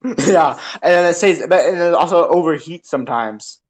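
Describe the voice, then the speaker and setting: A man's voice: a little high, lively intonation, moderate pace. A young man chatting casually on a podcast with friends, rambling and laughing, full of restarts and fillers.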